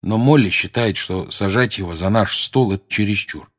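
A man reads an audiobook aloud as a narrator in a measured, expressive way. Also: lowish voice. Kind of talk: scripted narration.

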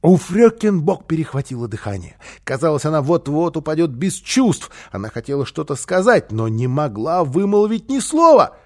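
A man narrating a children's storybook with an expressive, animated reading. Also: on the high side, normal speed, hardly any pauses. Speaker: audiobook reader.

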